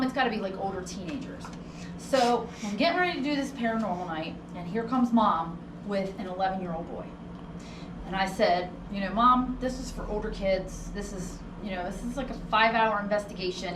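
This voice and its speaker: A woman's voice: medium pitch, fairly quick. A woman working as a ghost tour guide, telling stories casually and conversationally, acting out what people said. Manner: conversational, acts out quoted dialogue. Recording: roomy, distant mic with noticeable background noise.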